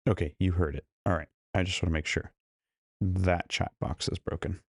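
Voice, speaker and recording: At a moderate pace and with fairly even intonation, a man speaks in a low, creaky, husky voice with no echo. He's casually live streaming from a hotel room while losing his voice, chatting with and greeting viewers individually through a studio mic hooked to a laptop.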